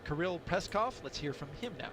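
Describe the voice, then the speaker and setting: A man giving a broadcast commentary on a launch in a steady, descriptive way. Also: sits high, brisk, background noise.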